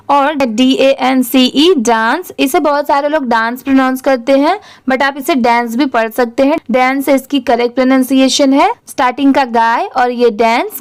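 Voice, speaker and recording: A woman teaching English reading, spelling words out letter by letter in a slow, patient way. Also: high-pitched, clean tone.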